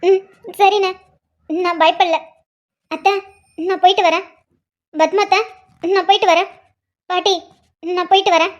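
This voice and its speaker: A woman's voice: very high voice, fairly even intonation, moderate pace, pauses often, highs cut off. A woman voicing a tearful young bride who pleads and says a tender goodbye to her brother in a cartoon. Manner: pleading, affectionate. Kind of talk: Tamil cartoon voice acting.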